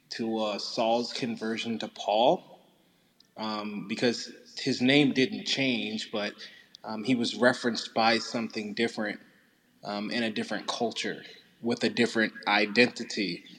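A man's voice: fairly low pitch, a bit bright. A man in an online group chat talks in a casual, thinking-aloud way with many fillers. He is in a room with a big echo, so he sounds far off. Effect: big echoing room, voice sounds far off. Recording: echoey hall with noise, heard from afar.

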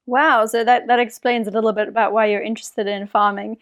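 A woman's voice: on the high side, flat delivery, a little fast. A woman hosting a podcast, introducing her guest and asking questions in an enthusiastic way. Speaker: podcast host. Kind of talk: podcast interview.

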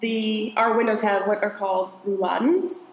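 A woman's voice: mid-range voice, fairly even intonation, measured pace, echoey room, low-quality recording. A woman from the United States, co-hosting a podcast in rambling casual chat, often laughing. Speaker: podcast co-host.

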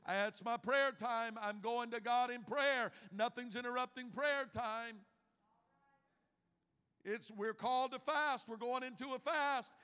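A man in his fifties preaching a sermon as pastor, swinging from hushed lines to loud emphatic ones. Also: very high voice, fairly even intonation, a little slow, clear, resonant tone. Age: 50s. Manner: preaching with big swings in loudness, from hushed to shouting. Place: church sanctuary. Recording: long reverb of a church hall.

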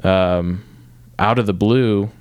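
A young man from Michigan, north of Detroit, appears as a guest musician in a casual interview, telling stories and meandering through fillers and restarts. His voice is lowish, smooth and somewhat dark, with a steady tone and a slow pace. The recording is dry.

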